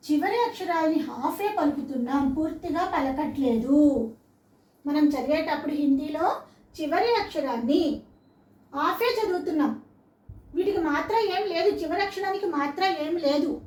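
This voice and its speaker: High-voiced woman teacher in echoey room. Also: darkish tone. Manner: patient, asks the listener questions, spells words out slowly. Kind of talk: classroom-style lesson for children. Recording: roomy echo, mic set far off.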